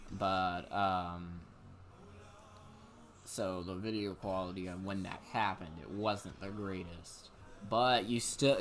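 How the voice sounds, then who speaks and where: A man's voice: on the low side, fairly bright tone. A young man rambling casually over gameplay, full of fillers and restarts. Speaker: let's play commentator.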